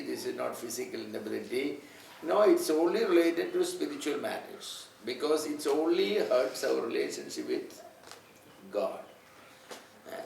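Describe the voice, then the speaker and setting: A man's voice: fairly high pitch, vocal fry. A man with a Malayali English accent preaching a sermon in short phrases, chuckling often. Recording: echoey room, distant mic, faint hiss.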